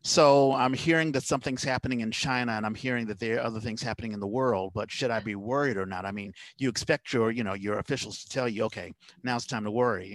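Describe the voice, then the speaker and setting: In a dry recording, a man with a mid-range voice hosts a casual podcast interview over a video call from home, talking in a loose, rambling, conversational way.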